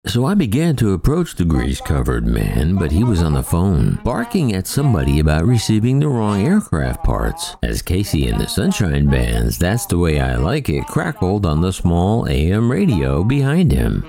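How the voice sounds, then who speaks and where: A man's voice: huge pitch swings, normal speed, gravelly, hardly any pauses, mellow. A middle-aged man narrating a wry, vivid first-person story of his first flying lesson. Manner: wry, vivid storytelling with big swings in pitch.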